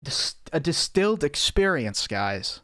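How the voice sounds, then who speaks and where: A man's voice: fairly high pitch, big pitch swings, a little slow, bright, forceful tone, no room sound, clean studio sound. A man commenting on videos during a live stream, rambling and sarcastic, with a lot of swearing and filler words.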